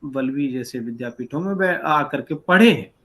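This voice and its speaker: A man's voice: medium pitch, expressive, normal speed, a bit bright. A man teaching an online class over a video call, patiently explaining letter by letter. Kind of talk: online lecture.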